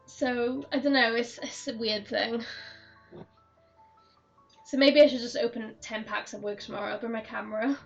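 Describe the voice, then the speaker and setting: Hoarse woman chatting on stream. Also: on the high side, fairly even intonation, normal speed, long pauses, soft background music. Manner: chatty, rambling, laughs often. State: hoarse, losing her voice. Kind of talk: casual chat while gaming. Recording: dull, slightly distant mic.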